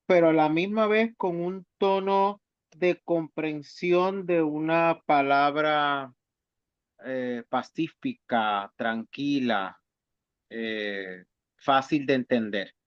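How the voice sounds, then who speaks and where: A man's voice: a little high, slow, clear, resonant tone, dry recording. Hesitant male student, dull dry sound. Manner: hesitant, searching for words. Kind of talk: classroom discussion.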